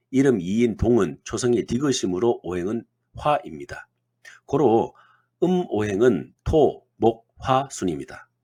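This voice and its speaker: A man lecturing on naming theory in a measured, scripted way, reading lists out item by item. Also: fairly low pitch, a little mellow, breathy edge.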